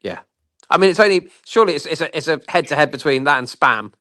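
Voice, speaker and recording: A man's voice: on the high side, lively intonation, fast talker, pushed and bright, no echo, studio quality. A man making wry, teasing quips in a casual podcast chat.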